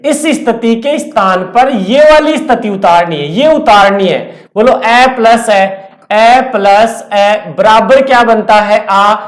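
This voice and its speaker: Male teacher going slow thru a grammar lesson, keeps repeating, asks the class stuff then answers, echoey room. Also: extremely high pitch. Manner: slow, step-by-step, repetitive explaining with questions to the class. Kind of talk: classroom lecture at a board.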